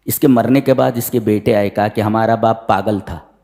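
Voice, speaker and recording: A man preaching a sermon, reciting Arabic verses and explaining them with dramatic swings in pitch. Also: fairly even intonation, normal speed, gravelly, dark tone. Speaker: preacher giving Quran commentary. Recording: long hall reverb.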